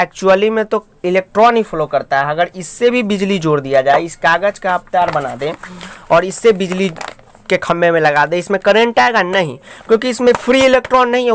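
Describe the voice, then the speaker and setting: A man's voice: high voice, a bit bright, clear, resonant tone. A man teaching a school science lesson, explaining step by step and often calling out to his students while he draws diagrams. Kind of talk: classroom science lecture.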